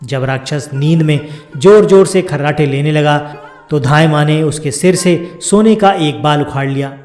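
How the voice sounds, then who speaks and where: A man narrating a fairy tale in a steady, even storytelling read. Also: a little high, moderate pace. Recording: roomy sound with soft background music.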